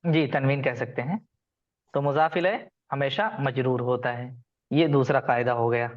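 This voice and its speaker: A man's voice: medium pitch, moderate pace, dull audio. Patient male teacher quizzing his class. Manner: patient, quizzes students by name. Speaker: Arabic grammar teacher. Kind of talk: online class lecture.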